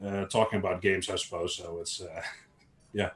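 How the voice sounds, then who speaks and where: A man's voice: deep voice, little pitch movement, normal speed, fairly bright tone. A man chatting casually as a panel guest, hesitant and often repeating words. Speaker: solo gaming resource creator, panel guest.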